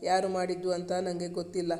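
A man reading the part of a meek young wife in a storybook, speaking faintly and haltingly. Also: sits high, completely flat delivery, a little mellow, close to an everyday voice. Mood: meek, tearful. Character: timid gentle young wife, tearful and meek.

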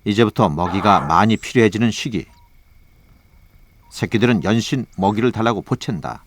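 A man narrating a scripted nature documentary in a measured, formal storytelling manner. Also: fairly low pitch, slight background noise. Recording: voice over background music. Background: music.

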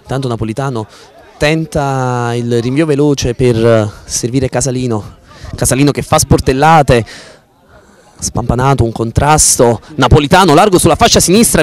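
A man with a fairly high voice commentates a football match play by play. His wording is florid and formal, and he builds into excited, drawn-out goal calls. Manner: florid, formal sportscaster vocabulary.

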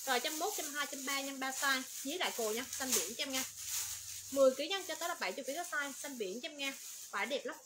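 Fast-talking saleswoman. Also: sits high. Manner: rapid repetitive patter, rattling off colors, sizes and prices. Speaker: online clothing seller. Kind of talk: livestream sales pitch. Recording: noisy background.

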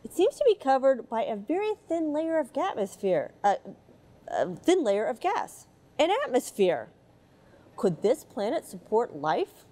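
A middle-aged American astronaut reads a picture book aloud to children from inside a space station module, chatting between pages. Her voice is on the high side, mellow and sing-song, at a measured pace.

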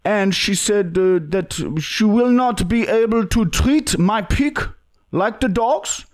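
Speaking slowly with a high voice and lively intonation, a young prank caller plays a pushy, pleading foreign man whose broken English is packed with hesitant fillers. The call is recorded on a boom-arm podcast mic in a small indoor studio room.

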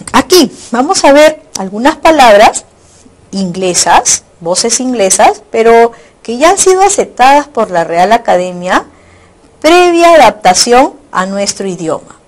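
A woman's voice: fairly high pitch, sing-song, measured pace. A woman teacher giving a recorded online lecture, explaining carefully, repeating and rephrasing her points and often checking in with her students. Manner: explanatory, frequent tag questions.

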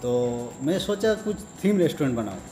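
A man who owns a restaurant, answering interview questions hesitantly with many pauses and filler sounds. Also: mid-range voice, lively intonation, dark tone. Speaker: restaurant owner. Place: rooftop restaurant, outdoors. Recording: roomy and noisy.

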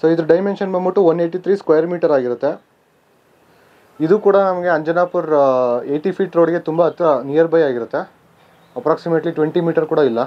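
A real estate guide with a fairly high voice narrates a quick-paced walking tour of vacant residential plots, listing figures plainly with frequent "aa" fillers and self-corrections. He's recorded outdoors on a camera mic, so the audio is slightly dull with faint outdoor ambience.

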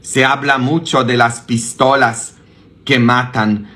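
A man's voice: medium pitch, fairly even intonation, takes it slowly, sharp tone. A man, a priest with a sore throat, preaching casually to his online audience, calling out a sing-song greeting and firing rhetorical questions at his listeners.

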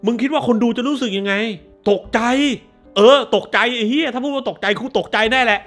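A man's voice: extremely high pitch, brisk, a bit bright, faint music behind. A man hosting a movie review show, ranting casually in a crude, profane, sarcastic way.

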